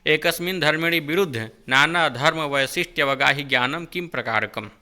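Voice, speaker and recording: A man's voice: a little high, normal speed, pushed and bright. A male tutor running an exam-prep lecture, asking questions and answering them himself, correcting himself as he goes. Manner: quizzing, asks then answers, self-correcting.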